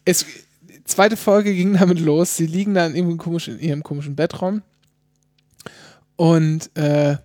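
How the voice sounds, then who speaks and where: A man co-hosting a casual chat, retelling scenes in lively detail and quoting people in lowered mock voices. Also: moderate pace, long pauses, no room sound, studio quality. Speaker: podcast co-host.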